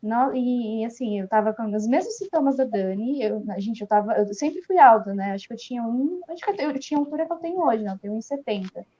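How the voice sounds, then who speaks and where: A young Brazilian woman, a guest on a live video chat, telling a story in a lively way and laughing often. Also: on the high side, fast talker, hardly any pauses, muffled recording.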